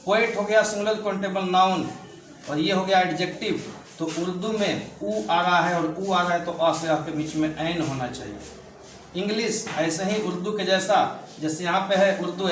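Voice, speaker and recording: A man's voice: high voice, a bit bright, slight background noise. A man teaching a grammar lesson, asking his class questions and answering them himself. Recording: echoey room, mic at a distance.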